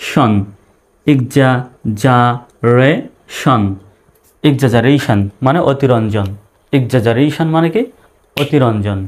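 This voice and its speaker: A man's voice: medium pitch, darkish tone. A man with a Bangladeshi accent teaching English pronunciation, breaking long words into syllables and repeating each part patiently. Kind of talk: slow spelling-out pronunciation lesson.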